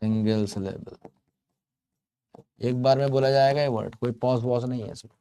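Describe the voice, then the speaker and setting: This grammar teacher has a medium-pitched voice that's gravelly yet smooth and mellow, delivered at a moderate pace. He explains English to learners through chatty storytelling, stretching words out playfully for emphasis.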